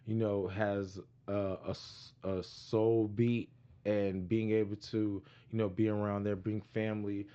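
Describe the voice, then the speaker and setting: A man's voice: lowish voice, level tone, unhurried, mellow, clear, resonant tone. A man from Miami giving frank, rambling opinions in a casual recap chat, with many fillers. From Miami, Florida. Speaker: panelist. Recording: dull lo-fi audio.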